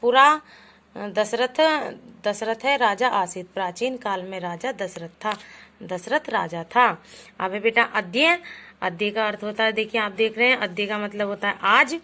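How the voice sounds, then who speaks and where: At a measured pace, a woman with a mid-range, pushed and bright voice teaches Sanskrit words to children, explaining them in Hindi. Patient throughout, she calls the kids "beta" and reads each example before translating it, with a little hiss or hum in the recording.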